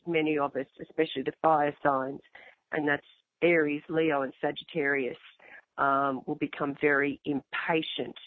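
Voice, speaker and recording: A woman with a croaky voice, hoarse from a flu, hosting an astrology talk and chatting informally to her listeners. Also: low voice, no echo. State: getting over flu. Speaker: host and astrologer. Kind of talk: astrology show monologue, casual address to listeners. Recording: thin, phone-like line.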